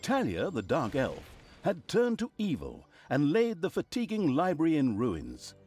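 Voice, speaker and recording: A gloating narrator of evil deeds, with a fairly high voice that swings widely in pitch. He tells the story with mocking asides over faint game music. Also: huge pitch swings, measured pace, a little mellow, husky, full character voice.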